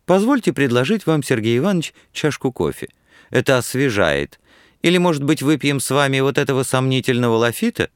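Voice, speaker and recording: A man's voice: mid-range voice, big pitch swings, brisk, clear, resonant tone, dry recording, clean studio sound, voice pushed up, natural voice. A male reader voicing a polite young man courteously offering drinks in an audiobook.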